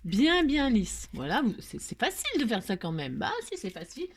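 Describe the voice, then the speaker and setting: A woman's voice: mid-range voice, wildly swooping pitch, quick pace, gravelly, slight background noise. A woman hosting a casual craft tutorial, chatting in a rambling, self-mocking way with frequent laughs and asides.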